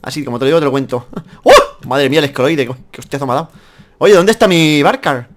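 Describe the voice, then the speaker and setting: A man's voice: fairly high pitch, fast talker. A man from Spain hosting a casual game video, joking and bantering with a friend. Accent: Spanish (Spain). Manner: animated, loud laughing, joking. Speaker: gamer host. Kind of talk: casual let's play banter.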